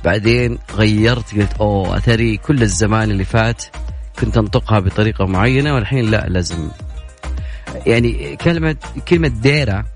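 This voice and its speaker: Brief: male radio host, quick and joking, faint music bed under him. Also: on the low side. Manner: chatty, playful, fast-talking. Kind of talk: casual radio talk show.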